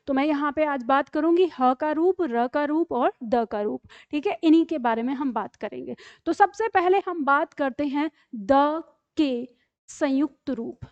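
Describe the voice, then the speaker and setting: Woman teacher, high voice, grammar lesson, step-by-step explaining, dry close sound, slightly muffled. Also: darkish tone, dry recording. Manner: explains step by step with frequent "ठीक है?" checks. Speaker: Hindi teacher.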